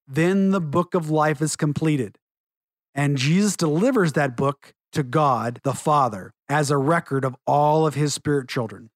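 A middle-aged man giving an earnest religious testimony and teaching, measured and slowing down for emphasis. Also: fairly high pitch, no room sound.

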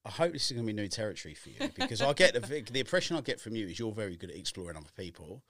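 A man with a fairly low, fairly bright voice hosts a podcast interview, talking very animatedly at a racing pace. He's chatty and jokey, asking long, rambling questions packed with fillers in a casual exchange. It's captured on a video podcast setup with a camera, with no room sound.

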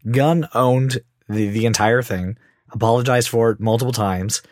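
A man with a gravelly, hoarse, sick-sounding voice, chatting casually as a podcast co-host. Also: medium pitch, normal speed, no echo, clean studio sound. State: sick with a cold, voice worn out. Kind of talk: casual chat.

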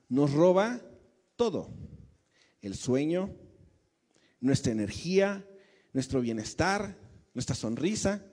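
Pastor preaching in a reverberant hall. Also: male voice, on the high side, dark tone. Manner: conversational, asks the congregation questions. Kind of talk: sermon.

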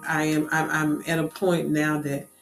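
A woman's voice: deep voice, vocal fry. Woman telling a story in an echoey room. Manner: lively, animated retelling with quick asides. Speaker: speaker sharing a personal story. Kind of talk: casual storytelling talk. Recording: echoey room with faint music.

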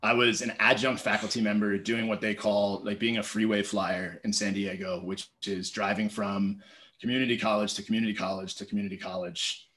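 A man in his thirties telling stories as a podcast guest, lively and conversational, acting out his own thoughts with lots of "like". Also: fairly low pitch, a little fast. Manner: animated, storytelling, acts out quoted thoughts, heavy use of "like". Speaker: podcast guest, public speaking teacher. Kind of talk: casual conversational interview.

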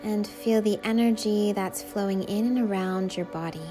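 A woman's voice: mid-range voice, steady tone, moderate pace. A woman leading a guided meditation in a soothing, hypnotic way, with lulling, repetitive phrasing. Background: faint music.

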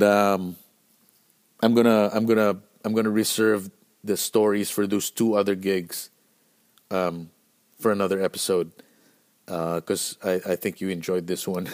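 A middle-aged man from the Philippines, hosting a podcast and telling road stories in a casual, animated, profane way with lots of fillers. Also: lowish voice. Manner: profane, animated storytelling with many fillers and restarts. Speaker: podcast host.

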